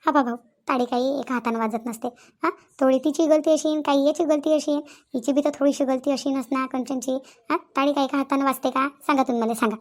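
In a Marathi comedy cartoon, a woman voices insistent, talkative village women with a rural Vidarbha Maharashtrian accent, reasoning with people and repeating phrases. Her natural voice is high-pitched with fairly even intonation, and she talks fast.

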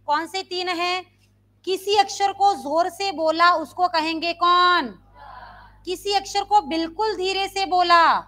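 A woman Sanskrit teacher, teaching a live online grammar class and quizzing her students with repeated questions. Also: very high-pitched. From India. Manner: quizzing students with repeated questions, demonstrating loud and soft sounds.

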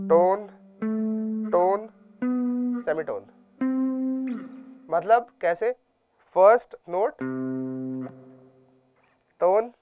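A man's voice: high-pitched, muffled recording. A man teaching a guitar class. He patiently goes over each point again and again and keeps checking in with his students. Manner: patient, drills points by repeating them. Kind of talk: music lesson. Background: faint guitar playing.

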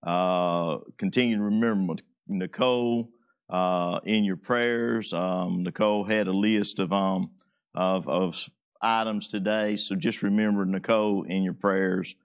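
A man with a Southern American accent, a pastor gently leading prayer requests from the pulpit, speaking haltingly with many fillers. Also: low voice, steady tone, smooth. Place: church sanctuary. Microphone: pulpit mic.

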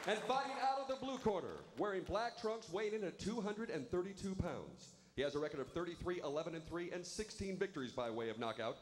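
A male ring announcer introduces the fighters in a booming, drawn-out style. His voice is high and swings widely in pitch. The sound rings with long arena reverb and a faint hum of noise. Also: animated, some chatter behind.

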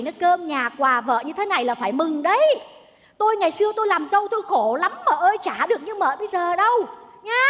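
A woman playing a domineering old mother-in-law in a stage comedy sketch, nagging, scolding and wailing. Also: high-pitched. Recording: stage recording with long hall reverb.

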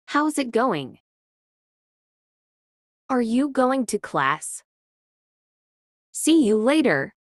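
A woman teaching beginners, reading each short phrase with great care. Her delivery is extremely slow and her pitch swings widely from phrase to phrase. The sound is dry and close with no room echo. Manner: reads each short phrase slowly and clearly, with long pauses. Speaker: English teacher. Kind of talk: slow phrase drills for learners.

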